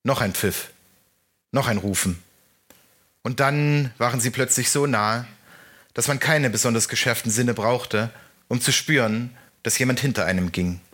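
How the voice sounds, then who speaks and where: A man narrating a first-person story in a measured audiobook style. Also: mid-range voice, a bit bright.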